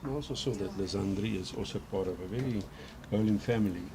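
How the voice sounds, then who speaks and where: A South African man with an Afrikaans accent commentates casually on live sport. His voice sits slightly low, and clear background noise from the live setting runs behind it. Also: fast talker. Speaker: commentator and interviewer.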